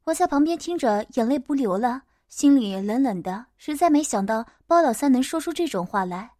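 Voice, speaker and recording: High-voiced woman narrating a story. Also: fairly quick, dry recording, clean studio sound. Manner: steady storytelling. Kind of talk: first-person audiobook narration.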